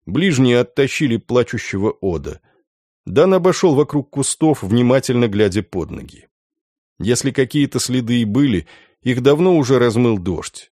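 A man reading a dark story as audiobook narration, low and hushed with lively swings into the characters. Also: no room sound, studio quality.

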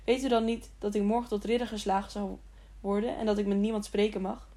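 A woman's voice: medium pitch, flat delivery, fast, dark tone, lightly acted. A woman reading the lines of a young squire about to be knighted, who speaks in a hesitant, earnest way.

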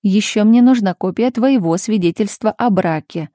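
A woman voicing a patient, insistent grown daughter who speaks calmly and firmly, in a storybook reading. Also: mid-range voice, moderate pace, no echo, studio quality, close to an everyday voice. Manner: calm, patient, pleading.

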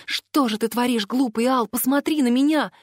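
Narrator doing a desperate stubborn young heroine. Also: female voice, on the high side, moderate pace, dry recording, clean studio sound, lightly acted. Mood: pleading. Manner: pleading, insistent. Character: desperate young woman student, stubborn and pleading.

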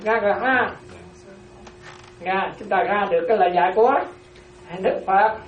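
A nun leads her class in a dharma talk at a moderate pace, her voice medium in pitch. Key phrases come back again and again, as do her questions about whether everyone follows. The audio is dull, captured roomy and distant.

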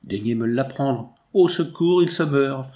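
A man's voice: mid-range voice, normal speed, darkish tone, lightly acted. A man reading the part of a frightened young princess in an audiobook, exclaiming in anguish.

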